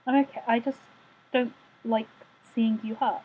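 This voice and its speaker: A woman voicing a young female crew member who is uneasy with affection, speaking quietly and hesitantly. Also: fairly high pitch, level tone, measured pace, slightly rough, narrow, tinny audio. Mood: teasing, quiet.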